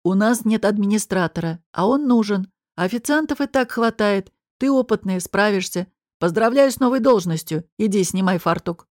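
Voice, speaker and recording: A woman reading an audiobook voices a smug male restaurant owner giving orders in a slightly lowered voice. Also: animated, normal speed, hardly any pauses, darkish tone, no room sound, studio quality, lightly acted. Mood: commanding.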